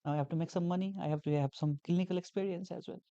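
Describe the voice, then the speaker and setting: A man's voice: sits high, steady tone, rapid-fire, mellow, clean tone, no echo, lo-fi sound. A young man from Nepal, a guest talking earnestly in a casual interview, repeating phrases with many fillers. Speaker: guest, graduate teaching assistant.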